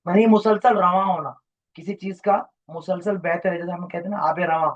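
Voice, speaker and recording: A man's voice: sits high, steady tone, fairly quick, low-quality recording. A man teaching a class, lecturing in a rambling, explanatory way and quizzing his students.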